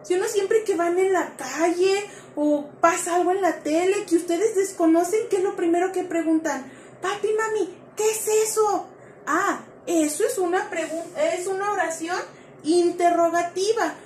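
A woman with a very high voice teaches a grammar lesson to young children. She talks in a lively, coaxing way and keeps asking the class questions. The sound is echoey, as if she is in a bare room. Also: normal speed, slight background noise.

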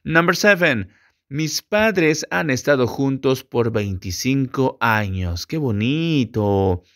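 Slow, encouraging man teaching English. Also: mid-range voice, fairly bright tone. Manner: slow, drilled repetition of example sentences; friendly, encouraging asides to the viewer. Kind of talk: video English lesson in Spanish.

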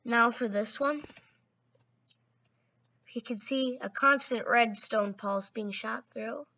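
A woman's voice: a little high, takes it slowly, pushed and bright, dull audio. A woman hosting a gaming video, narrating casually and often correcting herself mid-sentence.

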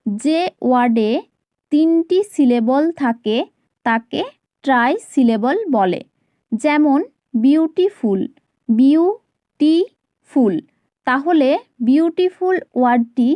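A woman teaching a grammar lesson to her channel, explaining carefully and repeating each example word slowly. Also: high voice, a little mellow, no room sound.

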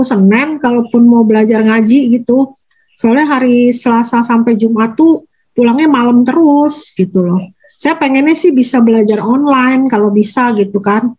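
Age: adult. Sex: woman. Role: interview guest. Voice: fairly high. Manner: rambling, halting, self-correcting. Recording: dull and lo-fi. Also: darkish tone. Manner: rambling, halting, corrects herself mid-sentence. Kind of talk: casual conversational interview.

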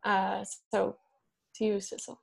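A woman's voice: medium pitch, completely flat delivery, unhurried, creaky, husky. A young woman from an exhibition space giving casual housekeeping notes on a video call, hesitant with many fillers. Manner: casual, hesitant, lots of fillers and small laughs. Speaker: event organizer at an exhibition space. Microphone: laptop mic on a video call.

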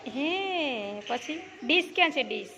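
High-voiced teacher coaxing small children. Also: female voice, expressive, slow pace. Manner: coaxing, repeats questions, praises answers. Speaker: preschool teacher. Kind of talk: classroom questioning of small children. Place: village preschool classroom. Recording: noisy classroom recording.

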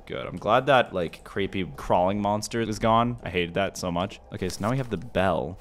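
A man's voice: sits low, moderate pace, slight background noise. A young man giving scared, jumpy horror game commentary as a streamer, exclaiming and muttering to himself. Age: young adult. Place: small indoor room.

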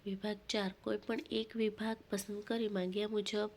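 Flat-voiced Gujarati woman teacher. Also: mid-range voice, normal speed. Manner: steady, methodical, question-then-answer reading. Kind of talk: reading out worksheet answers.

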